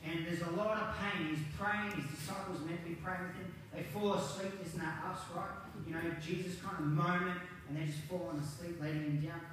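A man delivering a Good Friday sermon in a relaxed, conversational way, full of rhetorical questions to the congregation. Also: sits high, fairly quick, hardly any pauses. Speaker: pastor. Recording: very echoey hall, distant mic, faint noise.

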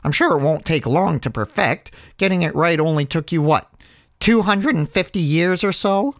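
A man's voice: on the high side, expressive, moderate pace, no echo, studio quality, voice pushed up. A man voicing a scheming Martian spy in a comic audiobook, sly and sneering.

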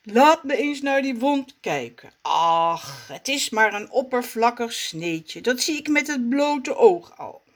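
A calm, kindly man with a moustache from a children's storybook, played by a woman. He speaks in a soothing, patient way. His voice rises and falls in a lively way. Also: fairly high pitch, slow, hardly any pauses, pitched above the performer's own voice, exaggerated voice.

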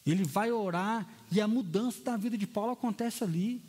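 A pastor, a man preaching a lively, storytelling sermon in a church hall. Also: sits high, brisk, husky. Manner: lively storytelling preacher who acts out quotes. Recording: long hall reverb.

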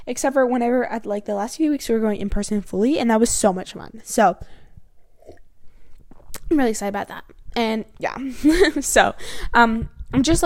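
Chatty teen girl podcaster, high voice. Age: teens. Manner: rambling, lots of fillers and "like". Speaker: podcast host. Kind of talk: casual solo podcast chat. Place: her bedroom. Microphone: close mic near the chin.

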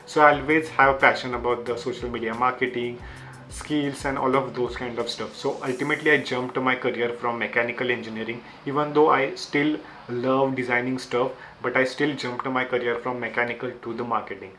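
A young Indian man whose native language is Marathi shares lessons from books as a YouTube creator, speaking earnest non-native English with simple, repeated phrasing. His mid-range voice is bright and forceful, fairly quick and fairly even in intonation, on poor audio with a bit of hiss or hum.

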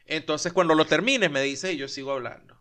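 A man's voice: on the high side, brisk, fairly bright tone. A Venezuelan man with a Venezuelan accent, a teacher co-hosting a casual podcast and joking in colloquial speech.

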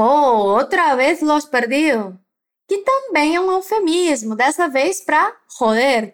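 A woman with a Brazilian Portuguese accent teaches a language lesson in a clear, patient way, pausing to have listeners repeat after her. Her voice sits high and moves up and down a great deal. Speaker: Spanish teacher.

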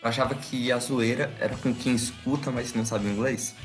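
A man's voice: mid-range voice, steady tone, normal speed, soft background music. A man co-hosting a podcast, chatting casually and slangily about songs. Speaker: podcast co-host. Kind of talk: casual chat.

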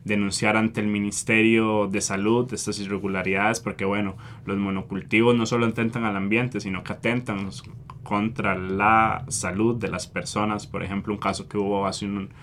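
A man with a Costa Rican Spanish accent, an environmental activist answering interview questions earnestly, often pausing with fillers. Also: fairly low pitch, flat delivery, a bit bright, slight background noise. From Costa Rica. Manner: earnest, hesitant with frequent fillers.

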